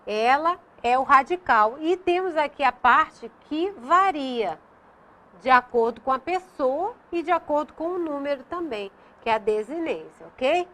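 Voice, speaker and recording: Woman teacher, high voice, unhurried lesson delivery, frequent check-ins with students. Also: fairly bright tone. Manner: slow, deliberate, drawn-out conjugations; addresses students directly, frequent "né?" and "olha". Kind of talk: classroom lesson for adult learners.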